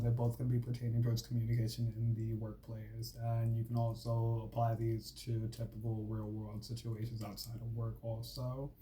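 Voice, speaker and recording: Over a low-quality recording with a bit of hiss or hum, a man with a medium, somewhat mellow voice addresses his channel's viewers informally. He goes on to read a school assignment, stumbling and starting over, and peppers everything with fillers like "like" and "freaking."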